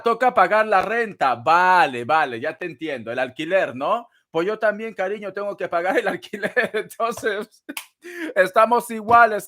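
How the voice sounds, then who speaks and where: High-voiced campy man hosting a live stream. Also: fairly bright tone. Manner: playful and campy, calls viewers darling; gossipy and teasing, laughs often. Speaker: tarot live-stream host. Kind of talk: casual live-stream chat reading donations.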